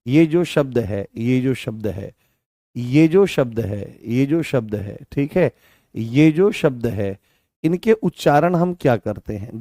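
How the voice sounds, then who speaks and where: Hindi teacher with a dry close voice. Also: male voice, medium pitch, dark tone, no echo. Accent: Rajasthani Hindi. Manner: repetitive, asks questions and answers them himself, sometimes sings lines. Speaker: exam prep teacher. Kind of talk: live online grammar lesson.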